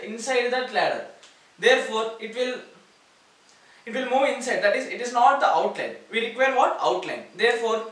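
Recorded far from the mic in an echoey room, a man with an Indian English accent teaches maths at the board. His voice is very high and a bit bright, and he explains each step while repeating the key words.

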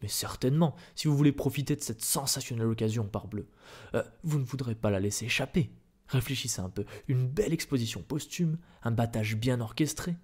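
A man voicing a placid, oily newspaper director who hems and hedges, in a soft-spoken ASMR reading. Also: mid-range voice, a little fast, husky, close to an everyday voice. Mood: persuasive. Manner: oily, hesitant with ums. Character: smooth, placid middle-aged male newspaper director, unctuous.

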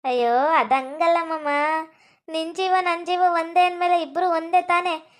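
Woman doing a sweet-talking scheming young wife, high voice, comedy skit. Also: steady tone, moderate pace. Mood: coaxing. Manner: coaxing, sugary.

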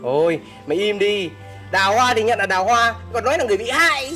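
A man's voice: high-pitched, expressive, quick pace, bright, forceful tone, soft background music. A man acting a rich, arrogant company director who mocks the poor, in a web skit drama. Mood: mocking. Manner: mocking, boastful. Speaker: actor.

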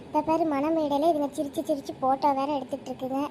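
A woman's voice: sits high, fairly even intonation, quick pace, dark tone, a little hiss or hum, natural voice. A woman voicing a whiny cartoon daughter. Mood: sulky. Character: whiny scheming young daughter.

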